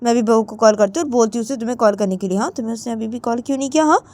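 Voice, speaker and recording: A quarrelsome mother refuses to back down, as a woman narrator puts her on. She speaks high and sharp. Underneath, the voice stays mellow. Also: rapid-fire, no echo, natural voice. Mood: stubborn defiant. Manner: defiant, repeating refusals. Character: stubborn middle-aged mother, quarrelsome.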